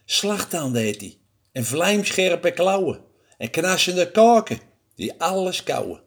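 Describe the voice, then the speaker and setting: Man doing a cheeky boastful storybook mouse, bright, lively voice, unhurried. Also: high-pitched, husky, pitched above the performer's own voice, full character voice. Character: small clever boastful mouse.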